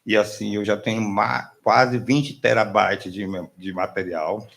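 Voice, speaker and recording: A man's voice: on the low side, steady tone, a little slow, creaky, a bit bright. Chatty middle-aged man. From Belém, Pará, northern Brazil. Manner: chatty, with constant tag questions. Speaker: documentary filmmaker speaking from the floor. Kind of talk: casual spoken introduction.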